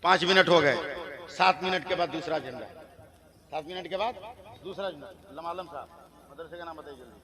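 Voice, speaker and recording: A man's voice: a little high, a little fast, pauses often. A man preaching a dramatic story on a stage microphone and urging the crowd to answer back. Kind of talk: sermon storytelling at a religious gathering. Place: crowded religious conference stage. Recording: live crowd around a loudspeaker.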